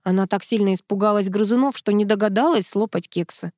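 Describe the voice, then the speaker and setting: A woman reading an audiobook as a lively, ironic first-person storyteller. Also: mid-range voice, brisk, no echo, clean studio sound. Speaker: audiobook narrator. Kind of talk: scripted narration.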